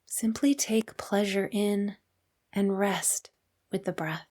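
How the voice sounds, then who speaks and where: In a mid-range voice, a woman guides a meditation as the teacher. Her pace never hurries, her tone stays calm and soothing, and she lets long pauses stretch out.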